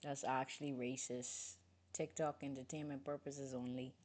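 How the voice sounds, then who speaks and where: Talking at a moderate pace, this woman from the Bahamas hangs out casually with her livestream audience. Her outspoken, lively delivery swings from booming outbursts down to low grumbles.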